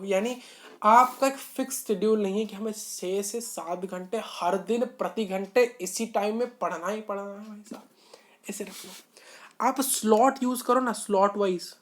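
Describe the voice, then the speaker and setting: A man talking to camera as an online tutor, coaching school students on how to study. His delivery is earnest and repetitive, informal rather than polished, with loud stressed points and softer asides. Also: high-pitched. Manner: earnest and repetitive, often saying "bhai sahab". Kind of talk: motivational study-advice talk to camera.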